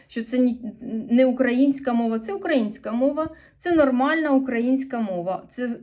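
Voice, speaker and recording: Chatting casually to camera in her vlog, a woman from eastern Ukraine with a Sumy regional accent rambles and corrects herself, earnest and a little defensive as she answers comments. Her voice sits high and has a dark tone.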